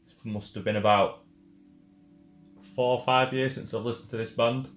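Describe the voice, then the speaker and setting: A man's voice: medium pitch, steady tone, normal speed, echoey room. A man hosting a music reaction video, talking casually with lots of fillers and frequent swearing. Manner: laid-back, swears freely, many fillers.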